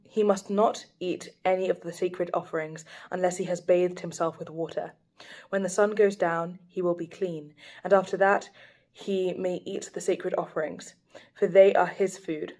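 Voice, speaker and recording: A young woman reads scripture aloud at a steady, even pace for her daily Bible video, speaking into a phone. Her voice is fairly low in pitch.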